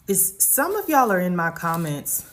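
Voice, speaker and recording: A low-pitched American woman speaks in a casual storytime style. She explains her situation plainly and matter-of-factly, as if addressing social media followers. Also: big pitch swings, normal speed, a bit bright. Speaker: salon client.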